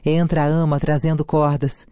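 Reader reading a play aloud, measured, mellow tone, dry close sound. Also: mid-range voice, level tone, clear, resonant tone, dry recording.

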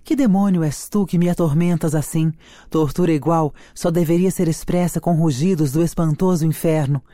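A reader voicing Juliet, a passionate young noblewoman, declaiming slowly in a dramatic reading of a play. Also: medium pitch, mellow, dry recording, clean studio sound, natural voice. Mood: anguished.

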